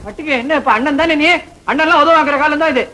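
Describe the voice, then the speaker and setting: High-pitched sarcastic husband, quick comebacks, old film comedy. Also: male voice, sharp tone, rough recording. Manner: mocking, retorting. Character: exasperated young husband, sharp and mocking. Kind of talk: 1960s Tamil film comedy acting.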